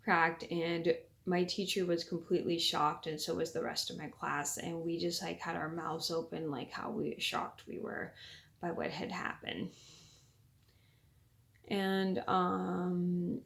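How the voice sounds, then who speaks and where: A young woman telling a casual story to viewers, keeping her voice quiet as if late at night with others asleep, in a halting way that circles back to rephrase. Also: lowish voice, steady tone, vocal fry. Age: young adult. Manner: talking quietly so as not to wake sleeping people at night. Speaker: vlogger.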